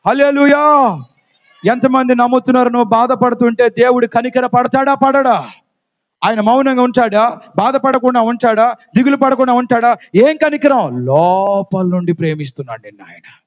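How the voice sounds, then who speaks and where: A man preaching with a high voice, swinging between loud fervent appeals and hushed tender passages. The sound is dull and lo-fi. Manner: fervent preaching, calls for congregation responses. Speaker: pastor. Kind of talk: sermon.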